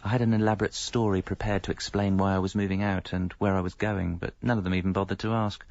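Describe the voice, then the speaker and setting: This is radio comedy narration from an actor cast as a middle-aged British husband with a double life, who tells his story in a wry, reflective, self-mocking and articulate manner as narrator and lead. He talks fast in a low, slightly mellow voice with little pitch movement. Faint music sits under dull lo-fi sound.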